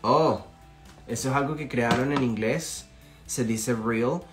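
A young man from Venezuela teaching English in a casual live-streamed lesson, chatty and encouraging, often checking in with his students and repeating phrases slowly for practice. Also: mid-range voice, over music.

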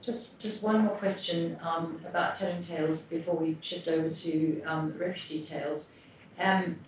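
A woman interviewer asking questions haltingly. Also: deep voice. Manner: hesitant, halting. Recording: roomy, distant mic, faint background noise.

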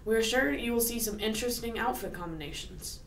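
A woman's voice: a little high, fairly quick. Woman reading earnest school announcements over the intercom, echoey and distant. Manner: earnest, occasional stumbles while reading. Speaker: school morning announcements co-host. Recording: echoey and distant with faint noise.

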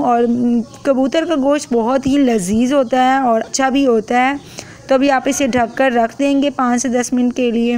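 Her voice is a little high and a little mellow as this young home-cooking vlogger chats through a recipe step by step. She films on a phone outside at home and sprinkles in frequent religious blessings.

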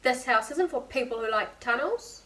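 A man's voice: extremely high pitch, lively intonation, moderate pace, sharp tone, exaggerated voice. A woman voicing a bossy, grumpy little boy from a storybook, with emphatic, defiant delivery. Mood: grumpy, annoyed. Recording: distant mic with faint room noise.

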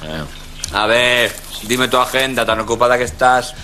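A man's voice: medium pitch, fairly even intonation, normal speed, bright, forceful tone, a little hiss or hum, lightly acted. A middle-aged actor playing a lazy, teasing husband who mocks his wife in a sitcom. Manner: teasing, smug, mocking. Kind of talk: sitcom acting.

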